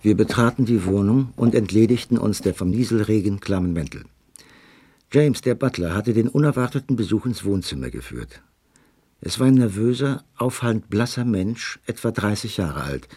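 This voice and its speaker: An actor playing a sober gentleman doctor, measured and polite, narrating and talking in a radio play. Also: lowish voice, animated, husky, no echo. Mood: sober, reflective.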